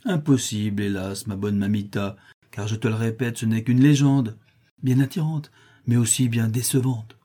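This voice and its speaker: A man's voice: fairly low pitch, normal speed, mellow, natural voice. A man voicing a skeptical young man who argues insistently. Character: young man, doubtful and disappointed.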